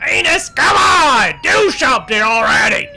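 A man's voice: extremely high pitch, very animated, a little slow, vocal fry, bright, forceful tone, raised voice, exaggerated voice. A man playing an impatient, bossy villain, barking whiny orders in a comic game roleplay. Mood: impatient, furious. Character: impatient, bossy Southern county boss, male villain.

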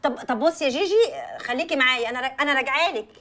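A woman with an Egyptian accent playing the bride's calming, coaxing close friend in a film drama. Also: sits high, rapid-fire. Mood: soothing. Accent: Egyptian Arabic. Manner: calming, coaxing, juggles two phone calls.

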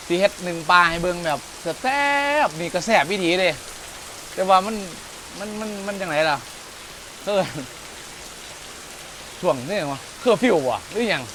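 Excitable man with an Isan accent. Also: sits high, slight background noise. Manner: loud, excitable, exclaiming often. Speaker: food vlogger. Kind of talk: casual outdoor cooking vlog. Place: outdoors in the rain.

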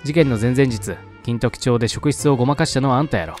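A man's voice: medium pitch, fast talker, darkish tone, soft background music, lightly acted. A man voicing a nosy young woman detective in an attempted Kansai dialect, blunt and pushy.

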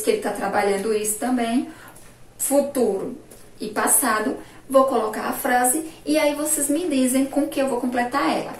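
A woman's voice: on the high side, a little mellow. A woman teacher from Sergipe in Brazil giving a remote lesson to primary pupils, drawing out words, asking questions and praising the answers. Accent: Brazilian Portuguese, Sergipe. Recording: echoey room, voice from far off, faint noise.

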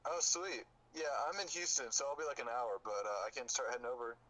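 A man's voice: mid-range voice, lively intonation, fast, sharp tone, poor audio. A man calling in on a phone, heard through its speakerphone, chatting in a laid-back, easygoing way. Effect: heard over a phone on speakerphone. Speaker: friend calling in. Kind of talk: casual phone chat.

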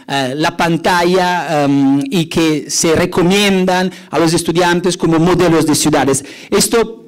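This middle-aged Italian urban designer, speaking with an Italian accent, gives a conference talk from an auditorium stage. His voice is fairly high, and he sounds hesitant and explanatory, with many fillers and restarts. The audio quality is poor.

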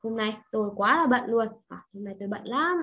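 A woman's voice: on the high side, animated, a little fast, muffled recording. A woman with a Vietnamese accent teaching an online Chinese class, patient and checking in with her students often. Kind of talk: online language lesson.

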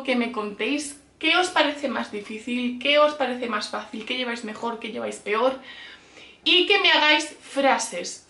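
A woman teaching a casual language lesson, drilling syllables slowly and clearly. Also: on the high side, bright, forceful tone, echoey room.

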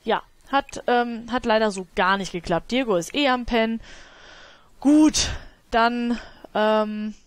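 A woman's voice: fairly high pitch, slow, clear, resonant tone, no room sound. A woman hosting a let's play, commenting casually on her game and scolding her characters with exasperated, laughing outbursts.

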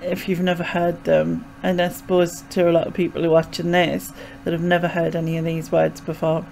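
A woman's voice: fairly low pitch, completely flat delivery, a little fast, vocal fry, darkish tone, poor audio. A young woman with a Sunderland Mackem accent, chatting casually and hesitantly as she explains things in a rambling way. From North East England. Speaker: vlogger. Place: small bedroom indoors. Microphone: desk microphone with pop filter, close.

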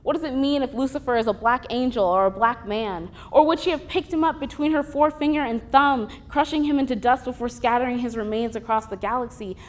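Young woman reading her own essay. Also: a little high. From Columbus, Ohio. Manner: measured, deliberate reading with vivid emphasis. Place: theater stage. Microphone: stand mic.

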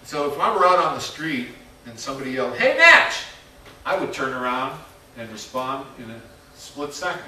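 A man's voice: mid-range voice, a little fast, pushed and bright. A man teaching a music theory workshop to a class in a casual, chatty way, quizzing the students as he goes. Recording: very echoey room, mic far off.

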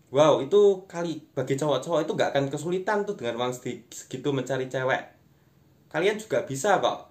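Young man doing conversational stand-up. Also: mid-range voice. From Indonesia. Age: young adult. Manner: conversational, self-deprecating, often addressing listeners as friends. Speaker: amateur stand-up comedian. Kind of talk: stand-up comedy monologue to camera. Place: small room at home, indoors.

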